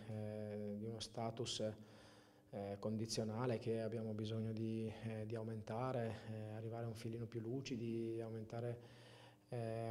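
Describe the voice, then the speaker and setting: A man in his forties, a football coach, giving a measured post-match interview with hesitant pauses between phrases. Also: medium pitch, warm tone. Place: indoor press area with sponsor backdrop. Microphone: handheld interview microphone held close.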